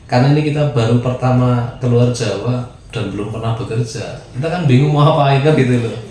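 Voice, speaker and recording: A man's voice: medium pitch, a little fast. A man from Central Java telling a long personal story in casual chat, acting out the people in it with changing voices. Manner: animated storyteller, voices the people in his tale. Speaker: guest storyteller. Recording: echoey room with noise.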